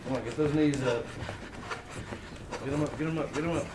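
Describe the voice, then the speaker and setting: A man's voice: fairly high pitch, a little fast, recorded from a distance. A male fitness instructor in an echoey, noisy room drives a group workout. He is a barking gym coach, firing out short repeated commands to keep everyone moving. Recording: echoey room with clear background noise.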